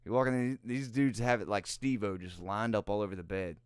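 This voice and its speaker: A young man in his twenties with a low, smooth and resonant voice tells loose, rambling stories on a podcast. He talks in a relaxed, profane way and often laughs mid-sentence. The sound is close and dry, with no room around it. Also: a little fast, no room sound. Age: 20s. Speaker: podcast co-host. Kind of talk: casual chat.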